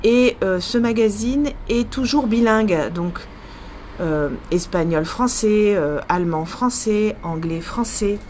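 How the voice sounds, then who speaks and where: A woman's voice: mid-range voice, takes it slowly, darkish tone, a little hiss or hum. A woman with a French accent, a language teacher thinking aloud in a casual vlog, hesitant and full of fillers.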